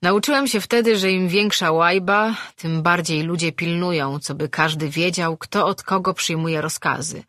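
A narrator voicing a bitter old male sailor who talks in rough, folksy speech, telling a tale in a storybook. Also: on the high side, normal speed, hardly any pauses, bright, forceful tone, no echo, studio quality. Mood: reminiscing. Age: older.

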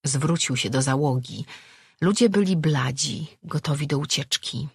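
A narrator reading a fantasy novel aloud in a steady storytelling manner. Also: mid-range voice, a little slow, gravelly, breathy edge, dry recording, clean studio sound. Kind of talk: audiobook narration.

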